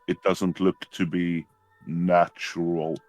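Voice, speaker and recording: Very slow, deep Swedish player. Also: male voice, little pitch movement, a little mellow. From Sweden. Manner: halting, long pauses full of fillers. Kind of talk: tabletop game chat.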